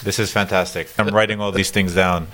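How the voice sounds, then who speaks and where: A man's voice: sits low, level tone, brisk, pushed and bright, slight background noise. Teasing podcast co-host, a man. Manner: teasing, dry jokes. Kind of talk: casual podcast banter.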